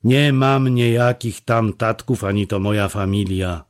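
A man's voice: on the low side, measured pace, lightly acted. A man voicing a terse, proud young man who answers curtly and dryly. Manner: laconic, curt.

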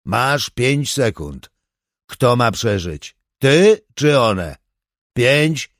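A cruel armed burglar in a spoken audiobook, mocking and menacing, drawing out his threats slowly in a raised, hard voice, as a male narrator puts him on. The sound is close and dry. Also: mid-range voice, very animated, fairly bright tone, no echo, exaggerated voice. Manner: taunting, slow threatening delivery.

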